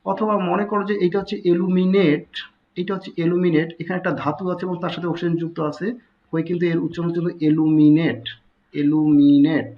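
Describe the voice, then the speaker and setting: A man's voice: high voice, level tone, very fast, dull audio. A man teaching a recorded chemistry tutorial, explaining step by step and repeating key terms. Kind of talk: recorded online tutorial lecture.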